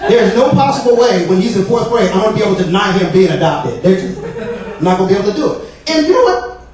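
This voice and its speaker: A man's voice: high voice, sing-song, fast talker, darkish tone. A male stand-up comedian from the American South, telling a profane, rambling set full of fillers. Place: comedy club stage. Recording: very echoey club, mic distant, crowd laughter. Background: audience laughter.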